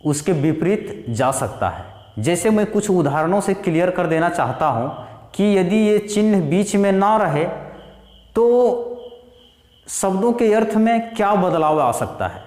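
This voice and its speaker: Guy teaching a grammar class, slow and bouncy high voice, roomy echo. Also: a little mellow. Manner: slow, explaining with worked examples. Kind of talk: Hindi grammar lesson. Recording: echoey room, distant reverb.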